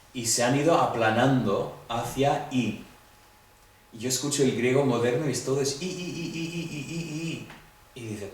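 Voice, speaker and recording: Teacher lecturing in an echoey room. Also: male voice, mid-range voice, distant mic, a little hiss or hum. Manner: conversational, addresses students directly, acts out quoted dialogue. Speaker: Greek teacher. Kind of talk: classroom lecture.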